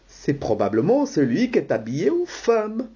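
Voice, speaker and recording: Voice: mid-range voice, huge pitch swings, normal speed, mellow, breathy edge, muffled recording, full character voice. A reader doing a fussy, scolding husband. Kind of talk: rehearsal read-through of a play.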